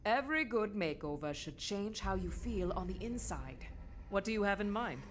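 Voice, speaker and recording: A woman's voice: mid-range voice, expressive, moderate pace, slight background noise, lightly acted. An actress playing a composed, curious woman in a video game, observing with poised, savouring interest. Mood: intrigued. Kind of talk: video game character acting.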